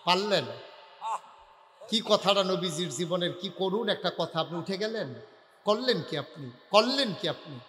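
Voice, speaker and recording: High, bright, rousing preacher. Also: male voice, animated, a little slow. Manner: rousing, teasing the crowd, sudden shouts. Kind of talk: humorous sermon (waz). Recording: echoey hall, long reverb.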